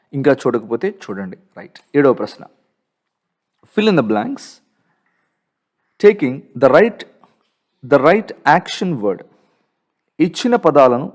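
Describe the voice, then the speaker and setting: A man's voice: medium pitch, a little mellow. A man with a Telugu accent teaching English grammar from a textbook, who keeps asking his students questions and answering them himself.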